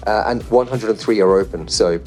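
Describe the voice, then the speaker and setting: A man moderating a panel in front of a live audience, chatty and relaxed, reading statistics off his phone with light jokes. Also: lowish voice, fairly quick, faint music behind.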